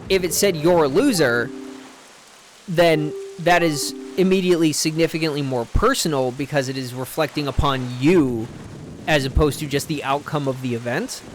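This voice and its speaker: A man's voice: fairly high pitch, steady tone, normal speed. A young man streaming a game, rambling in casual chat and swearing freely. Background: game music.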